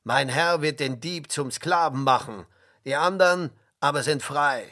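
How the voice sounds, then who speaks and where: A man reading aloud, voicing an angry adult steward in a storybook with a shouting, commanding delivery. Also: a little high, a little slow. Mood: stern.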